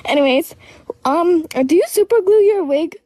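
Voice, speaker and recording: A woman's voice: very high-pitched, animated, moderate pace, warm tone. A woman joining a live stream by phone, teasing the host with playful questions in a giggly, mock-dramatic way. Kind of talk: casual teasing chat.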